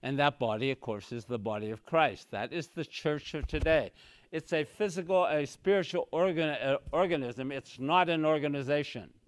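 The recording is dry, capturing an older man whose voice is on the high side and whose pace is moderate. He's a Bible teacher leading an expository lesson in a small church room, speaking at a podium mic he regularly moves away from. Gesturing with both hands, he stresses and repeats key phrases such as "so very clearly."

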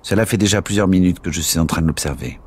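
A man reading the lines of a calm, rule-bound veteran sergeant in an audiobook, formal and matter-of-fact. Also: sits low, fast, slightly rough.

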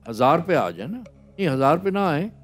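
A man's voice: fairly high pitch, very animated, moderate pace, faint music behind. A man on a quiz panel, thinking aloud and mixing English into his guesses.

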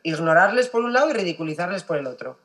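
A woman's voice: fairly low pitch, animated, fast, fairly bright tone. Outspoken woman panelist, Basque accent, emphatic delivery. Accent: Basque Spanish. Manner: emphatic, blunt, casually profane. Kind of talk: panel discussion.

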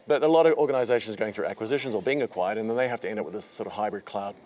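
A fairly low, slightly mellow voice delivers rapid-fire speech as this interviewer, a man in his forties, hosts a conference interview. Recorded on a lapel mic in a conference room with a curtain backdrop, he asks long, rambling questions, enthusiastic and chatty.

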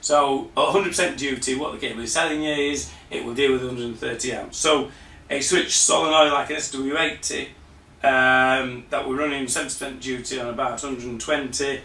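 A man walks through a technical demonstration. His voice is slightly worn and bright-edged, and he fills his pauses with "um" as he goes. He sounds a few steps from the mic in a roomy space. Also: mid-range voice, steady tone, a little hiss or hum. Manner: hesitant, many fillers and restarts, explaining patiently. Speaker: presenter of a parts store video. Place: shop or workshop room. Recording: roomy sound from a distant camera.

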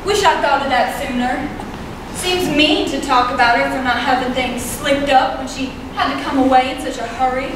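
On a high school auditorium stage, a young female student performs an amateur role as a loyal, sharp-tongued farm neighbor who talks bluntly, defensively and plainly. Her high-pitched voice keeps a fairly even intonation at a moderate pace, lightly acted. A distant camera in the audience captured it, so the sound is echoey, far off and noisy.

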